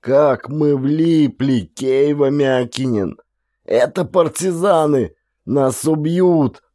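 A man's voice: very slow, sharp tone, no echo, clean studio sound, exaggerated voice. A man putting on a wailing, panicked soldier. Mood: panicky wailing. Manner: wailing, shrill and drawn out. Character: panicky terrified Finnish soldier, tearful. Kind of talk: audiobook character voice.

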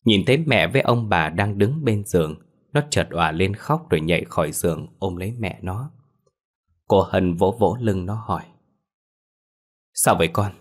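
A man narrating a ghost story in a steady, measured way. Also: low-pitched.

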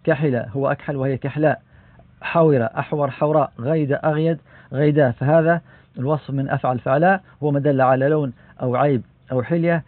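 A man teaching Arabic grammar from a classical book, explaining in a measured way with frequent "aah" fillers and self-corrections. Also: fairly high pitch, fairly even intonation, no echo. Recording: dry, tinny phone-like sound.

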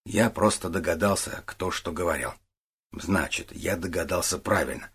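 A man voicing a calm, methodical middle-aged detective who questions patiently in an audiobook. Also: deep voice, normal speed, breathy edge, exaggerated voice. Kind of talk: audiobook character voice.

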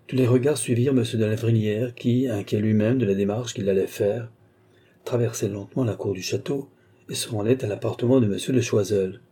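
A man reading a classic novel aloud as an audiobook narrator, lifting his pitch to voice the characters' dialogue. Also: fairly even intonation, fairly quick, warm tone, slightly rough. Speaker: audiobook reader.

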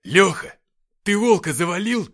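A man voicing a panicky, foul-mouthed young male writer in an audiobook, with whiny yelling. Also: fairly high pitch, very animated, moderate pace, husky. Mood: excited. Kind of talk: audiobook character voice.

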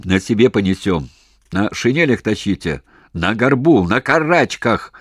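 A man voicing a desperate battalion commander who shouts hoarsely, near hysterical, under shellfire. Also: fairly high pitch, lively intonation, normal speed, dry recording, studio quality, voice pushed up. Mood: frantic shouting.

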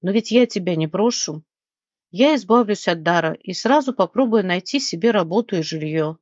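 A woman reading an audiobook and voicing a kind, quick-tempered young heroine who speaks earnestly and consolingly. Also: medium pitch, animated, a little mellow, no room sound, natural voice. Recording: dull, dry lo-fi recording.

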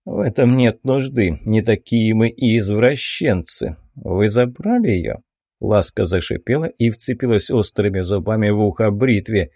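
A man narrating first-person fiction in an audiobook with expressive storytelling. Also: on the low side, unhurried, no echo.

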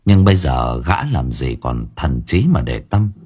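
A man narrating an audiobook in a dramatic, expressive manner. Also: extremely low pitch, unhurried, slightly rough. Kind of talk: scripted narration.

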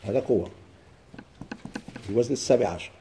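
A man's voice: medium pitch, dark tone, a little hiss or hum. Moroccan man teaching Arabic grammar. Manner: drills students with questions and answers; chants verse slowly. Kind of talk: classroom lesson with questions.

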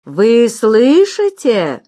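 A woman voicing a bold, defiant male hero in a storybook reading, speaking in loud, ringing proclamations. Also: on the high side, wildly swooping pitch, very slow, no room sound, voice pushed up, full character voice. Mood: declaiming.

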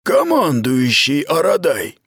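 A stern, coldly patronizing military commander in an audiobook, as a male reader voices him. His clipped, dry lines come in a raised voice with lively swings of pitch. The recording is close and dry. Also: unhurried, gravelly, breathy edge, no echo, heavily acted.

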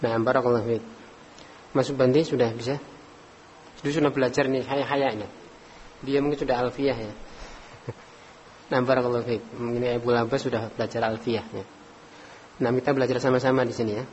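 A man's voice: mid-range voice, fairly even intonation, fairly quick, pauses often, a little mellow, slight background noise. A man teaching an Arabic grammar class, patiently calling on students by name and mixing in Arabic phrases. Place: study hall with students. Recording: dull recording with long hall reverb.

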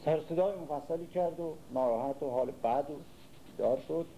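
A man with a Persian accent giving a lecture on classical poetry, reciting verses slowly and then explaining them in casual, everyday speech. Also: on the high side, dull audio, slight background noise. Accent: Persian (Iran). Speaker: literature lecturer.

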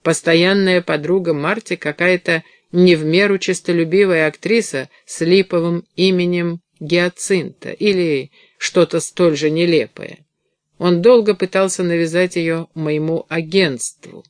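A man's voice: a little high, steady tone, a little slow, no room sound, clean studio sound. Man voicing a scornful woman agent. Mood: bitter. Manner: snapping, scornful. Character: furious sharp-tongued woman talent agent. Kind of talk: audiobook reading.

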